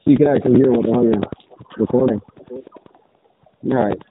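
A man's voice: mid-range voice, normal speed. A man hosting a podcast in casual, blunt chat, his voice muffled as if talking through a sweater. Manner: casual, blunt, swears freely. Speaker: podcast host. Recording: muffled phone-like line with loud background noise.

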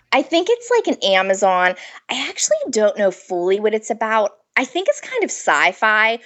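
A pregnant food blogger chats casually as an interview guest, giggling often and filling her speech with "like." Her voice is medium-pitched and a bit bright.

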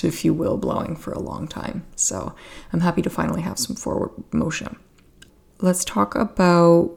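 Very creaky Canadian woman podcast host. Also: lowish voice, darkish tone. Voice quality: creaky vocal fry. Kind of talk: casual solo chat.

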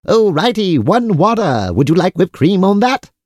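Guy doing a chirpy formal waiter for an audio comedy, super polite, bouncy sing-song pitch. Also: very animated, normal speed, a little mellow, no room sound, clean studio sound. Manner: polite, eager, sing-song service patter. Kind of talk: comic audio drama acting.

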